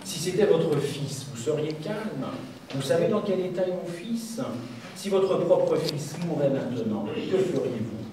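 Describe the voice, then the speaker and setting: A man voicing a frantic, furious father who shouts and accuses a surgeon, in a sermon story. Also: medium pitch, steady tone, normal speed, lightly acted. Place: church. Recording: echoey church, far from the mic, background noise.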